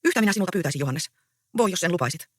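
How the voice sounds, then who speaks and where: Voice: medium pitch, lively intonation, no room sound, clean studio sound, natural voice. A reader voicing an earnest, anxious young peasant woman in a stage play read aloud. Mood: pleading. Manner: pleading, earnest.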